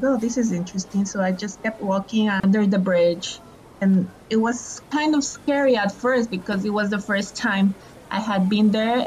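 Slow-speaking young woman from Ecuador. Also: mid-range voice, a little mellow, slight background noise. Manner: hesitant, with fillers and restarts. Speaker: podcast guest, architecture graduate student. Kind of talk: casual interview answers.

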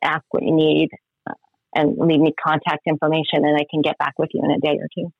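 A woman's voice: sits low, completely flat delivery, quick pace, gravelly, breathy edge, no echo, phone-quality sound. A woman speaking casually as a guest in a radio interview. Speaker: interview guest, spiritual mentor and biblical studies teacher.

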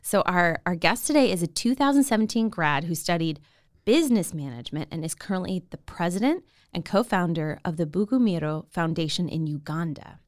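A woman's voice: lowish voice, lively intonation, a little fast, dry recording, studio quality. A woman in her thirties co-hosting a podcast, upbeat and chatty as she introduces a guest. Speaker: podcast co-host.

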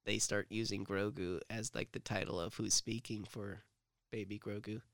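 A man's voice: fairly low pitch, level tone, moderate pace, gravelly, a bit bright, no echo, studio quality. A man chatting casually as a podcast co-host, rambling with lots of fillers and joking asides. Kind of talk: casual fan discussion.

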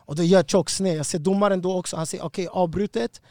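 Brief: high-voiced man, animated and slangy, dry close sound. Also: no room sound. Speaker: guest fighter. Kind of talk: casual storytelling.

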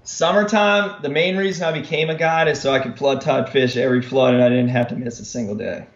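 A man joins by video call as a guest guide, speaking in a relaxed, matter-of-fact way. His audio comes through dull and muffled. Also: mid-range voice, fairly quick. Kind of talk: casual chat.

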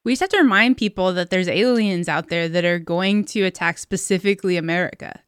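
A woman's voice: fairly low pitch, a little fast, clean tone, dry recording. Giddy joking woman, dry close sound. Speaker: podcast co-host. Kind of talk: comedic improv sketch.

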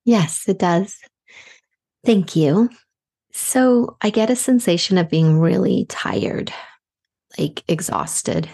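Woman podcast reader: unhurried, gentle, affectionate, lowish pitch with vocal fry. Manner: slow, soft-spoken, affectionate. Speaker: podcast host giving intuitive readings. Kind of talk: gentle reflective podcast talk.

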